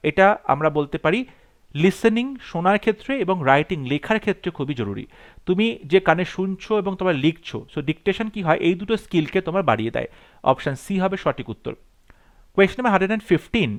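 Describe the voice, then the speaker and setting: A man leads an exam-prep lesson. He reads each question out slowly and deliberately, then races through his explanation. He sounds like a teacher talking straight to his students. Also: high voice.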